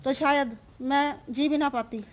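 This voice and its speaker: High, flat-toned woman listing events. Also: unhurried. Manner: earnest, listing events one by one. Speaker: interviewee, journalist's wife. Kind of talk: on-camera news interview.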